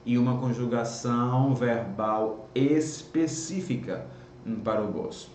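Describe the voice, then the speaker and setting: A man's voice: medium pitch, slow pace, darkish tone, roomy sound, slight background noise. A Brazilian man with a Bahian accent teaching Spanish in a live online lesson, repeating words as drills and checking in with "tá?" after each point. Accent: Bahian Portuguese. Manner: drills words by repeating them, ends phrases with "tá?".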